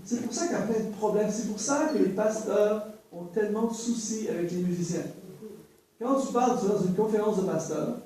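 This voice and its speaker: A man's voice: sits high, fairly quick, slight background noise. Canadian French man preaching in echoey hall. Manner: lively, joking, repeats key phrases. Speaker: worship teaching speaker. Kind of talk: sermon. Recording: very echoey room, voice from far off.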